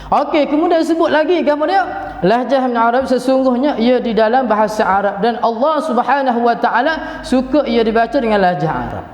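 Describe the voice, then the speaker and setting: High-voiced Kelantanese teacher in an echoey hall. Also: male voice, lively intonation, fairly quick. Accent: Kelantanese Malay. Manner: chatty, demonstrates recitation by chanting. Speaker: religious teacher. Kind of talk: Quran class lecture. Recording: echoey hall, dull lo-fi sound.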